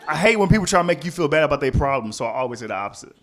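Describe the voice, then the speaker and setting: A man's voice: fairly high pitch, sing-song, racing. A man doing stand-up in a blunt, dry, mean-spirited way on a comedy club stage. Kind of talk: stand-up set. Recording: echoey club with loud crowd laughter.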